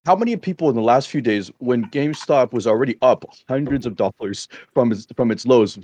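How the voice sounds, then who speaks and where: A man co-hosting a casual trading podcast, blunt and animated, swearing casually and laughing as he talks. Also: mid-range voice, a little fast, no echo.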